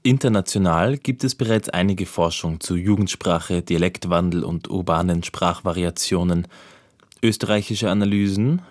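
A man narrating a radio feature from a script in a measured, informative way. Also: deep voice, dry recording, clean studio sound.

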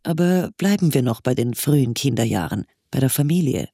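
A man narrating and asking questions in a measured, scripted documentary style. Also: mid-range voice, lively intonation, gravelly, mellow, dry recording, studio quality. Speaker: narrator and interviewer.

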